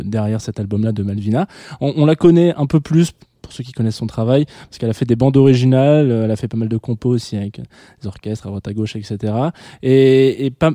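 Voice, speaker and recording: Guy hosting late night radio, mellow low-ish voice, lots of euh and restarts, dry close mic. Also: dry recording. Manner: rambling, many fillers and restarts. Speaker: radio host.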